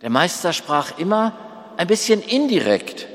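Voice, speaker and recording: A man's voice: sits high, big pitch swings, a little slow, big-room sound, voice pushed up, exaggerated voice. A man voicing a knowing woman disciple. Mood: explaining.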